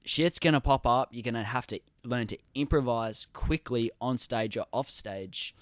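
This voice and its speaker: A man's voice: medium pitch, normal speed, no room sound. A man with an Australian accent hosting a podcast, asking long, enthusiastic, rambling questions. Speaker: podcast host. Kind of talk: casual podcast interview.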